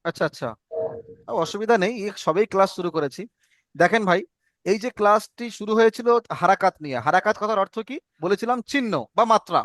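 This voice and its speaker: A man teaches a reading class over an online call, pausing to ask questions and then repeating the answers himself. His voice sits high, and it is recorded dry with no room sound. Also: a bit bright, dry recording.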